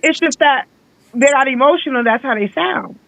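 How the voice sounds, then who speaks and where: A man's voice: extremely high pitch, normal speed, gravelly, a bit bright, no echo. A man co-hosting a casual talk show, giving his opinion in a thoughtful, hedging way. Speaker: co-host. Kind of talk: casual chat. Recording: thin phone-like line, dry.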